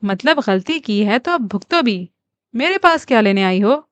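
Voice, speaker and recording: A woman reading the part of a calm, blunt middle-aged mother who speaks cuttingly to her daughter. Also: a little high, clean tone, dry recording, close to an everyday voice.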